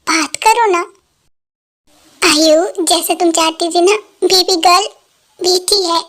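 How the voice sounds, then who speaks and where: Grieving husband, pleading and tearful, dubbed by a woman in a very high voice. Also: steady tone, slow pace, fairly bright tone, exaggerated voice. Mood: pleading grief. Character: grieving young husband, man in his twenties. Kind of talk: Hindi fan dub.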